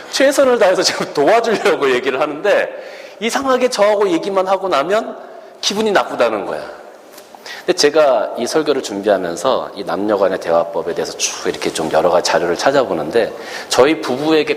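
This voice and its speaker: A middle-aged man preaching a sermon as a pastor, lively and humorous, acting out the lines he quotes. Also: on the high side, a little fast, in a large hall.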